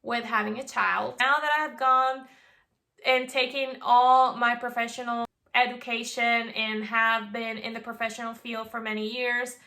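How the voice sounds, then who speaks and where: A woman's voice: fairly high pitch, level tone, a little slow, bright, forceful tone. A woman in her twenties from Venezuela, chatting casually to camera as a vlogger, bubbly with playful asides. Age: 20s.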